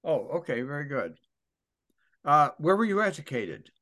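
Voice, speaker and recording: A man's voice: fairly high pitch, very animated, moderate pace, a bit bright. A man conducting an oral history interview, asking questions in a friendly, casual way.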